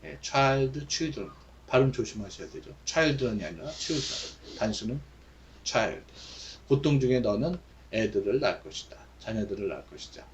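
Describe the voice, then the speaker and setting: A man teaching English Bible verses, reading each line slowly and then explaining it in Korean with many fillers. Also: medium pitch, animated, a little hiss or hum.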